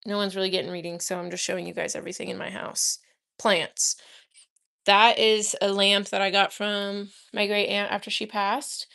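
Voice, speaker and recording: A woman's voice: mid-range voice, creaky, bright, forceful tone, smooth. A woman chatting casually on a live stream at home, rambling fondly and talking to her houseplants. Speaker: livestreamer offering paid personal readings. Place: her own home, indoors.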